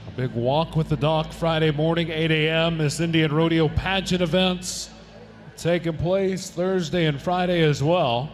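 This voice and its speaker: A man's voice: a little high, measured pace. A man announcing a rodeo live, calling the runs with rising energy and reading sponsor and event notices. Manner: energetic, swells to shouts on runs.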